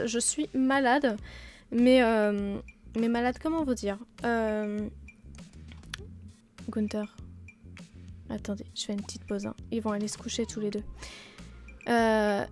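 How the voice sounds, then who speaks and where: A woman's voice: fairly high pitch, a little mellow. A woman hosting a game let's play, talking casually and self-mockingly with many fillers, sick with a blocked nose and sore throat.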